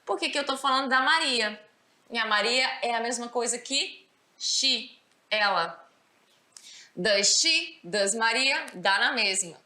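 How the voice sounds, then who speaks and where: Bright-voiced Brazilian woman teaching English. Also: on the high side, expressive, takes it slowly, reverberant. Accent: Brazilian Portuguese. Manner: explanatory, checks understanding with "certo?". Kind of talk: recorded school lesson.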